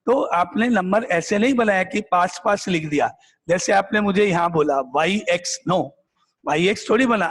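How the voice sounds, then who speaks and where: A male math teacher with a notably high voice works through examples in front of a class, quizzing his students and repeating the same point until it sticks. The sound carries a long reverb, as in a bare classroom. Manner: repetitive, drilling questions back at the class. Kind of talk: classroom lecture, questioning students.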